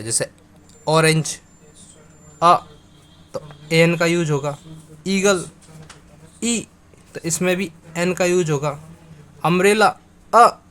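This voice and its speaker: A man teaching a grammar lesson, going over words slowly and again and again, spelling them out letter by letter and speaking to viewers as friends. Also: a little high, a bit bright.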